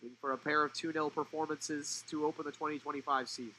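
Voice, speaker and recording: A young man giving live play-by-play commentary on a college soccer match, fluent and rising in pitch when the play turns attacking. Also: fairly even intonation, fast, sharp tone, slight background noise, rough recording.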